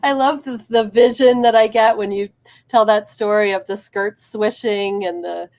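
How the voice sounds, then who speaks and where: A woman's voice: medium pitch, fairly even intonation, a little mellow. Appreciative woman beauty entrepreneur. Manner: appreciative, enthusiastic, halting restarts. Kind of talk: casual online event chat.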